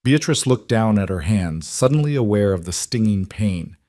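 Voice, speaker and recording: Low-voiced man narrating a western tale. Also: lively intonation, normal speed, dark tone, no echo, clean studio sound. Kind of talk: scripted narration.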